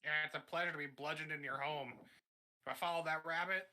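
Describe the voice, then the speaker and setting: A man's voice: fairly high pitch, fairly even intonation, fast, pushed and bright. A man playing in a tabletop game, making wry, joking remarks. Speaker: player. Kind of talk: casual tabletop play.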